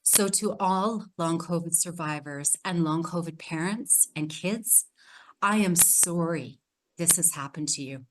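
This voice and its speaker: Woman panelist, earnest advocacy, lowish voice. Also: unhurried, background noise. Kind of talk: panel remarks.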